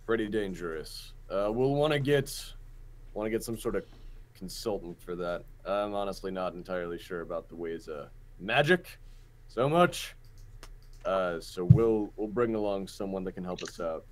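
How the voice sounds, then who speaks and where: A man's voice: sits low, lively intonation, normal speed. A man voicing a flustered middle-aged guard captain who stumbles and hesitates over his words. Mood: unsure.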